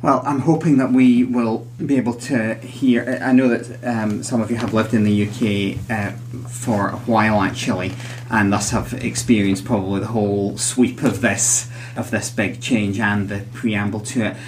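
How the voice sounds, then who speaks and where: A man's voice: fairly low pitch, fairly even intonation, normal speed, slight background noise. A man hosting a psychology podcast in conversational style, chatty, with wry asides, in a recording room with guests.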